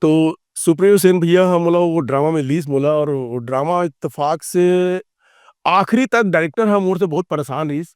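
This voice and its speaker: A man's voice: fairly high pitch, normal speed, clear, resonant tone, no room sound, studio quality. A middle-aged man with a Chhattisgarhi accent telling stories in a casual interview, rambling and acting out the lines he quotes. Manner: rambling, animated, acts out quoted dialogue. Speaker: filmmaker and theatre actor.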